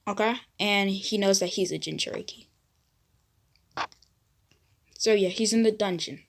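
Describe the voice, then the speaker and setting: A woman's voice: mid-range voice, brisk, gravelly. A woman casually narrating a fan story, hesitant, with fillers and restarts.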